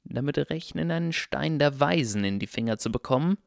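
A man voicing a sly male goblin banker in an audiobook, speaking slowly in a drawn-out, sneering way. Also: a little high, lively intonation, gravelly, dry recording, clean studio sound, pitched above the performer's own voice. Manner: slow, drawn-out, sneering delivery. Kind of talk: audiobook character voice.

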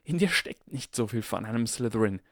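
A man's voice: on the low side, expressive, brisk, fairly bright tone, no room sound, clean studio sound. A man voicing a clever boy general, frustrated and strained, in a storybook reading.

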